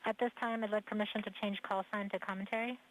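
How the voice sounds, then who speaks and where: A woman's voice: mid-range voice, steady tone, quick pace, low-quality recording. A woman, a mission commentator, making formal requests on a radio loop.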